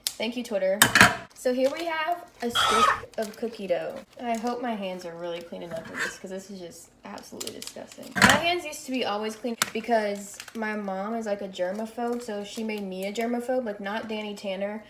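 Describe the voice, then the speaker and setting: A woman's voice: mid-range voice, normal speed, reverberant. A young woman vlogging in a home kitchen, chatting casually in a joking, self-mocking way into the camera mic. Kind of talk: casual chat. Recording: loud clicking noise in background.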